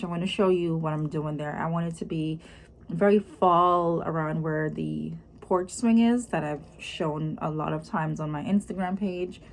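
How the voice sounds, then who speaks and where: A woman with a Jamaican accent chatting casually in a vlog, explaining things as she goes in an unhurried, conversational way. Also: lowish voice, a little mellow. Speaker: vlogger. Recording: clearly noisy room ambience.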